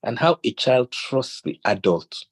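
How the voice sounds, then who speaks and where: A Nigerian man, mid-range and unhurried, delivers a talk on parenting full of stories and scripture quotes. He's an animated narrator who acts out the dialogue.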